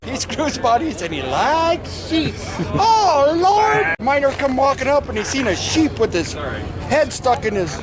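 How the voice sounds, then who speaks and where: A man doing crude live roast banter at a wrestling event, mocking people and often laughing or shouting. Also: extremely high pitch, very animated, measured pace. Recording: archive clip with a loud crowd. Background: loud crowd.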